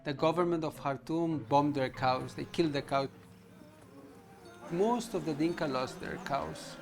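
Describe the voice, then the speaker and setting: Gravelly man explaining, music behind. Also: on the high side, unhurried. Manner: explains with tag questions. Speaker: documentary interviewee. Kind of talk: explanatory interview.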